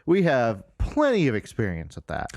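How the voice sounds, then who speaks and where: Guy co-hosting a podcast, medium pitch that moves around a lot, joking dryly, close dry sound. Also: huge pitch swings, normal speed, gravelly, darkish tone, no room sound. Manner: dry joking, agreeable interjections, swears casually. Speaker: podcast co-host. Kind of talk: casual chat.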